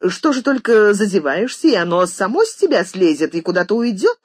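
Voiced by the audiobook reader, a wealthy lady snaps at her maid in a high, agitated voice. Her pitch swings widely between flustered and shrill. The tone is slightly husky and dry. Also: big pitch swings, normal speed, darkish tone, no room sound. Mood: indignant. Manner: flustered, then shrill and indignant.

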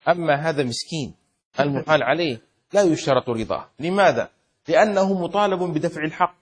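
Teacher brief: animated man, husky tone, fairly high, drills a class with questions. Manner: questions students often, stretches key words for emphasis. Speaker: sheikh teaching Shafi'i law. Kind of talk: interactive classroom lesson. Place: classroom with students.

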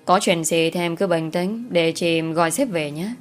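A woman's voice: lowish voice, moderate pace, faint music behind, lightly acted. A woman voicing a flustered, soothing female secretary who talks hesitantly with fillers.

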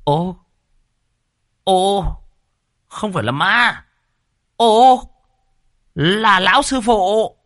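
A man's voice: high-pitched, very slow, pauses often, a bit bright, dry recording, clean studio sound, pitched above the performer's own voice, heavily acted. A man voicing a nervous, chatty old man who bursts into jumpy exclamations. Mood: frightened.

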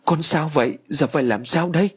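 A man's voice: fairly high pitch, brisk, slightly rough, voice pushed up. Man doing a panicked older mother. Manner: anxious, startled.

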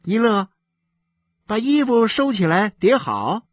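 A talkative young mother from a storybook, as a male narrator puts her on, high and lilting, with a dry, close sound. She chatters about the neighbors and snaps at her son when he won't obey. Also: very animated, slow pace, dry recording, exaggerated voice. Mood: exasperated. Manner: gossipy, then exasperated. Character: chatty 30-year-old mother, scolding.

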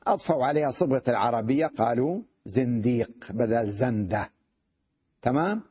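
Husky-voiced sheikh teaching grammar. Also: male voice, medium pitch, lively intonation, moderate pace. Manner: checks understanding with frequent rhetorical questions; reads a line from the text, then explains it step by step. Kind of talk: classroom grammar lecture. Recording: dull lo-fi recording.

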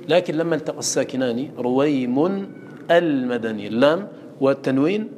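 A man's voice: mid-range voice, a little mellow, a little hiss or hum. Arabic man teaching a recitation lesson. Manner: explains by questioning students and quoting recited verses. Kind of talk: classroom lesson.

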